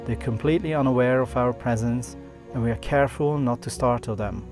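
A man in his thirties delivers scripted voice-over in the manner of a nature documentary. His pitch sits in the middle range, with music clearly playing behind him. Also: brisk, darkish tone. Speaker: travel vlog narrator.

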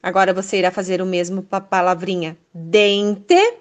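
A Brazilian woman teacher leading a first-grade lesson, reading words slowly and praising the children. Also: on the low side, fairly even intonation. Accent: Brazilian Portuguese. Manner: slow, syllable-by-syllable, encouraging.

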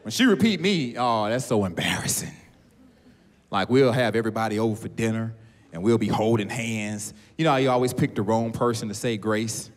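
A man doing stand-up comedy in a large theater, telling a story in an animated way that jumps into high character voices. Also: a little fast, in a large hall. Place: large theater, live audience. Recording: live theater with audience laughter.

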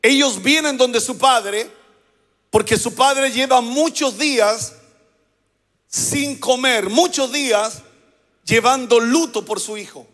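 A pastor delivering a sermon, prompting the congregation to repeat phrases back to him. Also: male voice, extremely high pitch, slow, a bit bright, long reverb tail. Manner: preaching with call-and-response prompts to the congregation.

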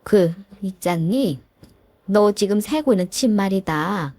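Woman doing older mother-in-law, whiny, guilt-tripping, mellow voice, dry sound. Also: medium pitch, expressive, a little slow, no echo. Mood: pleading, pushy. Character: older mother-in-law, pushy and self-pitying. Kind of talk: storybook drama reading.

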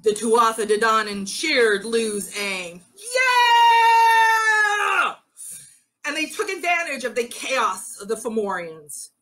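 Brief: woman storyteller for a ritual, unhurried, earnest, rather high voice. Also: bright, forceful tone, poor audio. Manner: slow, earnest, rallying.

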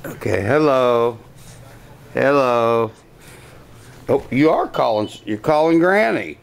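An older grandfather talking slowly and repetitively to a toddler, coaxing him in a casual home video. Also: medium pitch, animated, creaky. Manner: slow, repetitive coaxing talk to a small child.

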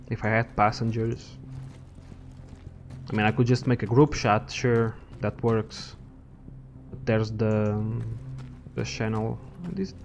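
A man's voice: mid-range voice, darkish tone, dull audio. Rambling young man narrating gameplay. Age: young adult. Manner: rambling, profane, thinks aloud. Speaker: gaming channel host. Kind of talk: casual gameplay commentary.

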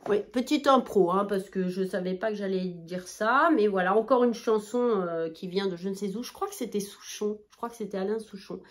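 A woman's voice: mid-range voice, fairly quick, hardly any pauses. A woman filming a chatty haul vlog indoors under a ring light, bubbly and self-mocking as she talks straight to her viewers. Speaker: haul vlogger, mother of two daughters.

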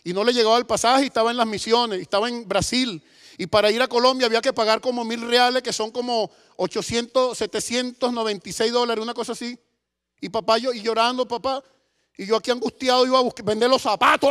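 A middle-aged man with a Venezuelan accent preaching a sermon in a church, impassioned, swinging between loud bursts and hushed asides. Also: very high voice, quick pace, clean tone. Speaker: pastor. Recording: echoey church hall.

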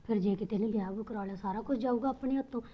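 An actress playing a greedy sister-in-law who gossips and plots over land. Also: female voice, medium pitch, racing, lo-fi sound, slight background noise, close to an everyday voice. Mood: scheming. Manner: gossiping, scheming. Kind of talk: Punjabi family drama acting.

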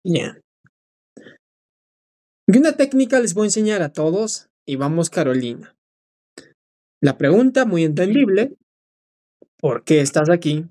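Woman English teacher, slow, encouraging repetition drills, low-pitched. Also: sing-song, warm tone. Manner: encouraging, drills phrases slowly and repeats them. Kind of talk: live online English lesson.

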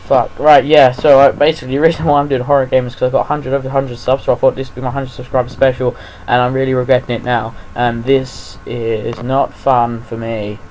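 A man's voice: medium pitch, little pitch movement, brisk, darkish tone, a little hiss or hum, low-quality recording. A young man hosting his gaming channel, giving jumpy, profanity-filled commentary while playing a horror game. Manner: jumpy, swears constantly, panicky outbursts.

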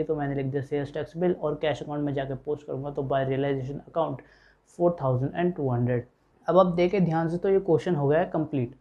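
A man's voice: a little high, mellow, lo-fi sound. A man teaching an accounting lecture, explaining step by step and voicing his students' questions himself. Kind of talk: classroom lecture.

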